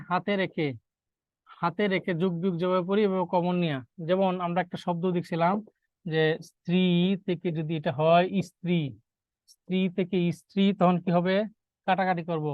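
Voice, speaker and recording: Male teacher, high voice, dry close sound, repeats terms, quizzes the class. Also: no echo, lo-fi sound. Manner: explains step by step, repeats key terms, quizzes students. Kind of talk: classroom grammar lesson.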